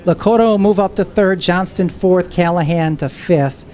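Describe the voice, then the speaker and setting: A woman's voice: on the low side, normal speed. A woman giving live stock car race commentary as a trackside announcer. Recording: loud vehicle noise behind. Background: race cars and trackside noise.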